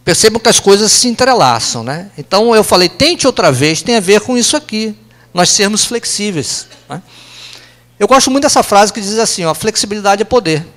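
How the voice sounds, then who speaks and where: This Brazilian man speaks with a high, animated, slightly bright voice and a Brazilian Portuguese accent. At a company lunch talk for a live audience in an office meeting room, he's chatty and conversational, peppering his talk with "né?" tag questions and fast aside jokes.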